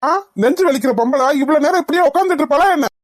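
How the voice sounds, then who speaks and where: Woman voicing a gruff cartoon husband. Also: high voice, racing, dry recording, clean studio sound, natural voice. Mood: scolding. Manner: gruff, scolding. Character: stern middle-aged village husband. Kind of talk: cartoon voice acting.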